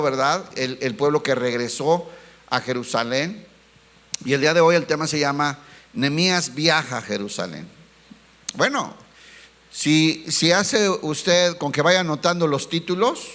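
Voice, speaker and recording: Delivering a sermon, a pastor whose voice is on the high side and a bit bright calls his listeners brothers and asks them rhetorical questions. When he reaches key words, he slows down to stress them.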